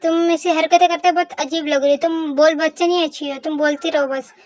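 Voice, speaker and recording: A cocky young man who teases and bosses a girl around, put on by a young woman. The voice stays very high despite the male role, and is recorded up close and dry. Fan audio drama style. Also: fairly even intonation, darkish tone, no room sound, close to an everyday voice. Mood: teasing. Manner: teasing, bossy, low and slow at times.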